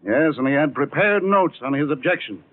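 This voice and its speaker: A man's voice: on the high side, animated, brisk. An actor playing an earnest, baffled male district attorney in a 1940s radio drama. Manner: earnest, puzzled. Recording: tinny 1940s radio broadcast.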